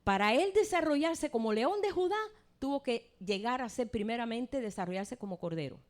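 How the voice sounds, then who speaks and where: A woman's voice: lively intonation, normal speed. Fervent woman preaching a sermon. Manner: swings from soft, low pleading to loud, high proclaiming.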